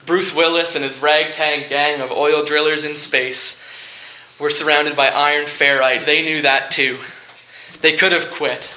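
Before listeners in a large, echoey room, a preacher delivers a live sermon featuring movie illustrations and humour. His very bright, forceful voice sits a little high with little pitch movement, and he speaks in short, deliberate phrases, using repetition for effect.

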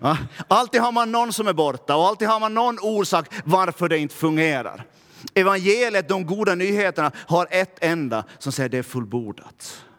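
A man's voice: sits high, animated, fairly bright tone, big-room sound. A man from Närpes with a Finland-Swedish accent, a pastor giving a conversational sermon and often asking his listeners "va?". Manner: conversational preaching, often asks "va?". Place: church.

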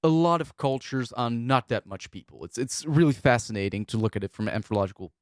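A man's voice: mid-range voice, animated, fast, no echo, studio quality. A man co-hosting a podcast, talking through history in a thoughtful, hesitant way with many fillers. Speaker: podcast co-host. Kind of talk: casual discussion.

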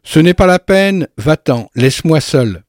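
Guy voicing an edgy impatient master of the house, barks short orders, dark dry voice, radio story reading. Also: a little high, lively intonation, a little slow, no room sound, voice pushed up. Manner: curt and commanding.

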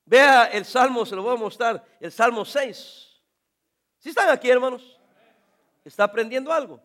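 A male pastor delivering a sermon with a strikingly high voice. He speaks straight to his congregation, firing questions at them and now and then breaking into loud shouts. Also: normal speed. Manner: animated preaching, addresses congregation directly, sudden shouts.

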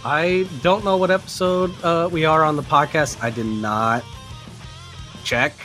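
A man's voice: a little high, fairly even intonation, a little slow, pushed and bright, faint music behind. A man hosting a podcast in a casual, chatty style. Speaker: podcast host.

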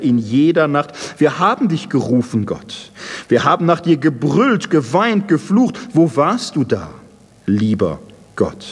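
A man voicing a bitter young male war survivor who reproaches God in a low, subdued voice, with a husky tone. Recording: long hall reverb.

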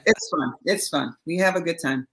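Lively middle-aged woman telling stories. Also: deep voice, moderate pace. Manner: animated storyteller, laughs often, acts out quotes. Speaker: interview guest, backing singer. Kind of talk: casual interview chat.

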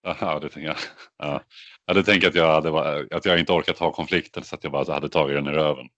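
A man's voice: a bass voice, steady tone, fairly bright tone, no room sound, lo-fi sound. A man co-hosting a podcast, telling stories in a rambling way with lots of filler words. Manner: rambling, filler-heavy storytelling. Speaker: podcast co-host. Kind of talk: casual chat.

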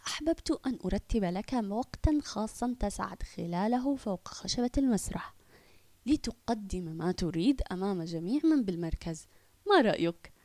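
A woman's voice: mid-range voice, dark tone, no echo, close to an everyday voice. A woman voicing a polite, welcoming director of a center in a children's audio story.

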